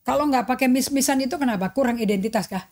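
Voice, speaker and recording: A middle-aged woman pastor preaching with a slightly high voice. She switches into English now and then and acts out quotes with lively swings of tone. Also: very fast. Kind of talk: sermon.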